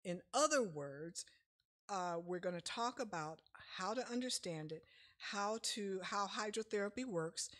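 Speaking from a lectern in a church sanctuary, this middle-aged woman delivers an informal health talk with slides. Her voice sits fairly low yet sounds a touch bright, her explanations are conversational and full of fillers, and the mic catches her from afar.

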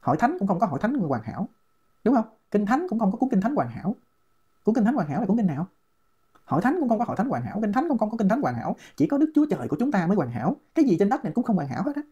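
Southern vietnamese lady ranting fast and mocking, voice jumps all over, kinda husky, muffled lo-fi audio. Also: medium pitch, big pitch swings, dark tone. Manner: mocking, scolding. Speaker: online commentator. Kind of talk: ranting commentary.

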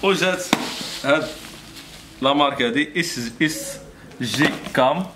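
A man in his thirties with a Moroccan accent and a somewhat high voice speaks at a measured pace, informally presenting products in a small indoor motorbike accessory shop. His salesman patter is repetitive, and the shop ambience is clearly noisy.

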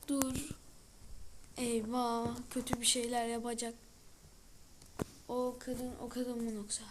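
A woman giving let's-play commentary with excitable running reactions to the screen, often dropping into a whisper. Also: fairly high pitch, background noise. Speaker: gaming video creator.

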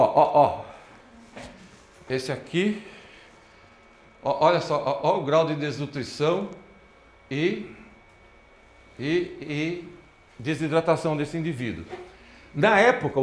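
Animated male lecturer in a roomy hall. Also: a little high, takes it slowly, long pauses. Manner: animated, points at slides with repeated "ó, olha só". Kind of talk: lecture to an audience.

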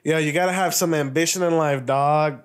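A young man co-hosting a podcast, an animated storyteller who swears freely. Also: on the high side, brisk, clear, resonant tone. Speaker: podcast co-host. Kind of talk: casual chat.

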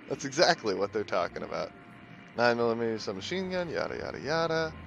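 The recording has its highs cut off, leaving a gravelly, mid-range male voice. He's a gaming video host doing a let's play with game music underneath, joking around, ribbing the characters, and speaking over their lines.

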